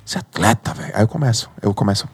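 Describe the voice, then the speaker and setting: A man's voice: lowish voice, racing, husky. A man with a Brazilian Portuguese accent, a podcast guest who mentors entrepreneurs, telling stories in a slangy, emphatic way with some swearing. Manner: slangy and emphatic, swears, acts out his own inner voice. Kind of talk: animated podcast storytelling.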